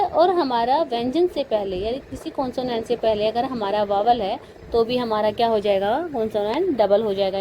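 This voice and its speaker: A woman with a fairly high voice teaches a spoken grammar lesson, spelling out each word letter by letter and asking her own rhetorical questions. Faint traffic hums in the background. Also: warm tone, low-quality recording. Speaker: English teacher.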